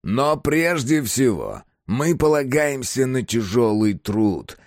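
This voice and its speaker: A man reads an audiobook villain, a fanatical old prison warden who preaches shrilly about toil and cures, sanctimonious and rising to shrieks. The voice is pitched far above a typical man's, swinging wildly in a slow delivery. The recording is studio quality with no echo.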